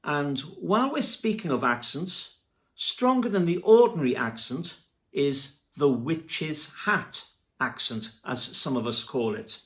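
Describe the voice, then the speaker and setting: A man teaching music theory, spelling out terms letter by letter in a slow, deliberate lesson narration. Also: a little high, expressive, fairly bright tone.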